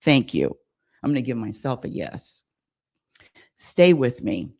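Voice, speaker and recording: On her spirituality radio show, a woman from the United States speaks in a repetitive, searching monologue and frequently asks the audience to affirm her. Her voice is rumbling low, very animated and a little mellow, with a measured pace.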